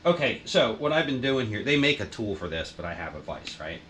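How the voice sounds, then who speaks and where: A hobbyist bookbinder vlogger casually narrates his work in a home workshop, rambling, swearing and poking fun at himself in a how-to style. His voice is fairly low, a bit bright, very animated and slightly fast. A blowing heater causes wind noise on the mic, and a printer runs in the background.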